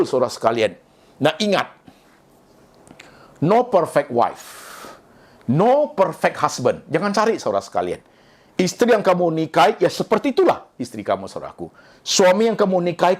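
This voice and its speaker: Middle-aged male pastor from Indonesia, lively preaching, swings his pitch widely. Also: quick pace. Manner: lively preaching, often addresses listeners as brothers and sisters; mixes English phrases into speech. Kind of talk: sermon.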